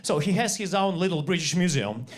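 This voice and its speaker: Russian-accented man, halting stand-up. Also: high voice, background noise. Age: 40s. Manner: halting deadpan delivery with many fillers and restarts. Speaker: stand-up comedian. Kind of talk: stand-up comedy set. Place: comedy club stage.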